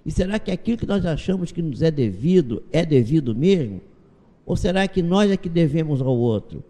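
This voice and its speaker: A Brazilian man, a doctor, speaking as an interview guest and telling anecdotes calmly, acting out the dialogue in them. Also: fairly high pitch, brisk. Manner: storytelling, acts out dialogue from anecdotes. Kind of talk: calm spiritual interview talk. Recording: long reverb on the voice.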